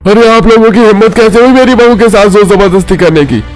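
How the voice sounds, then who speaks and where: A man voicing an indignant, protective father-in-law in an animated family drama, commanding and outraged. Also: fairly high pitch, a little fast, slightly rough, faint music behind.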